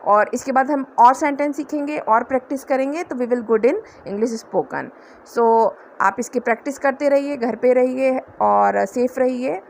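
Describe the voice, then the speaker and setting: A woman's voice: high-pitched, a little slow, gravelly, a little mellow, a little hiss or hum. A woman teaching everyday English phrases, patiently explaining each one step by step. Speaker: English tutor. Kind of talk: spoken English lesson.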